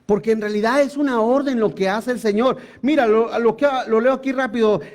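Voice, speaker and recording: Male pastor with a very high voice, preaching forcefully to his congregation. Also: a little fast. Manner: emphatic preaching with rhetorical questions to the congregation. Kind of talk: sermon.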